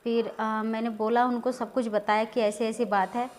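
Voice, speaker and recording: A woman in her thirties vlogging, telling a personal story in a rambling, hesitant way with many filler words that turns agitated and loud. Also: a little high, level tone, normal speed. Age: 30s. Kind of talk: casual storytelling vlog.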